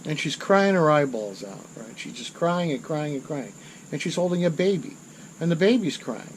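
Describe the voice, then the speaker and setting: A man's voice: fairly high pitch, expressive, normal speed, slight background noise, poor audio. A middle-aged man telling a war story in a rambling, self-correcting way. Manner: rambling, self-correcting, rises in intensity at dramatic moments. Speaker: channel host. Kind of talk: casual storytelling monologue.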